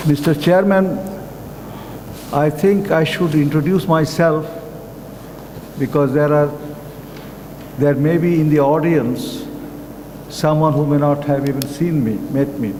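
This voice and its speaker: Slow older Bangladeshi man in a hall. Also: fairly high pitch, fairly even intonation, a little mellow. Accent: Bangladeshi English. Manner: slow, deliberate, halting delivery with pauses. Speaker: conference speaker. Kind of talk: formal academic address. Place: conference hall. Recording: echoey hall with faint background noise.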